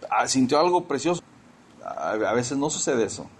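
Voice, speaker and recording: A man's voice: mid-range voice, expressive, moderate pace, husky. Man preaching a conversational sermon. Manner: conversational testimony, frequent restarts and repeats.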